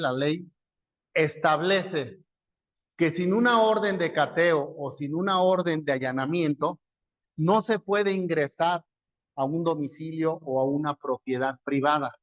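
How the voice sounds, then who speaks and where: High-voiced Mexican pastor preaching. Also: male voice, no room sound, lo-fi sound. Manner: conversational storytelling, asks and answers his own questions. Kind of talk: sermon.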